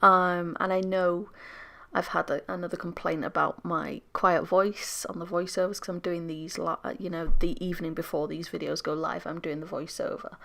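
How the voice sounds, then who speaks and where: Sick British woman, soft husky close-mic voiceover. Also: on the low side, little pitch movement, moderate pace. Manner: soft, half-whispered, apologetic, rambling. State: unwell, losing her voice. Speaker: scrapbooking channel host. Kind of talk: casual voiceover narration. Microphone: very close to the microphone.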